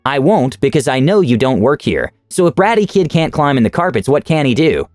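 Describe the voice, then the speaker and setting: Smug, indignant entitled mom , read by a man, lively pitch, dry close sound. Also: fairly quick, no echo, faint music behind, lightly acted. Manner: indignant, insistent. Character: rude entitled mother, pushy and smug.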